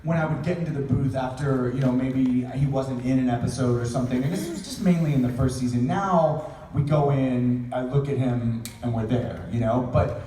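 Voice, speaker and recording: A man talking on a convention stage in a warm, mellow voice, thinking out loud in long rambling answers. His voice carries over the hall speakers and is caught by a phone far back in the audience, so it comes through roomy and distant with a little background hiss. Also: mid-range voice, normal speed. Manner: chatty, reflective, rambling explanations. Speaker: voice actor panelist. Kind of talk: convention panel chat. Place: large convention panel hall. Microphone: panel mic through hall speakers, caught on a phone in the audience.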